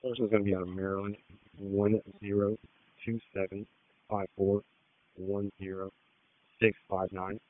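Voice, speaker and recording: A man, a police officer, reading numbers in a flat, clipped way over a police radio transmission. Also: fairly low pitch, moderate pace, long pauses. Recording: tinny radio band, dry.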